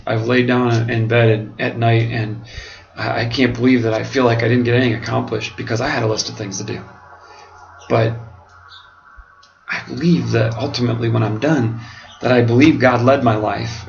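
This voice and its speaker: An American man speaking earnestly and haltingly in a reflective monologue, his mouth swollen after oral surgery as if numb from the dentist. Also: mid-range voice. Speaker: pastor and seminary student. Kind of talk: reflective monologue to camera, answering questions. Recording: dull lo-fi home video, clearly noisy.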